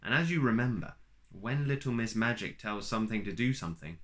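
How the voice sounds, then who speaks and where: Reading a kids' picture book slowly and playfully, this man drops small asides to his audience the way you would at storytime. His voice is lowish and expressive, with a fairly bright tone.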